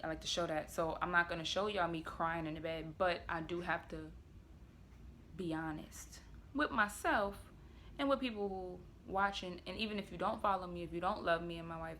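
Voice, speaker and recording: Earnest, low-voiced woman vlogger. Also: a little hiss or hum. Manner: earnest, confessional, often quiet and trailing off; blunt, with occasional swearing. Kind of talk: candid personal story to camera.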